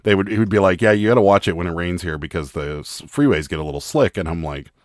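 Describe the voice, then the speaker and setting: Man, deep slightly raspy voice, relaxed chatty live stream host, dry sound. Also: fast, no echo. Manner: easygoing, chatty, greets viewers and reads the chat. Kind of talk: casual live stream chat.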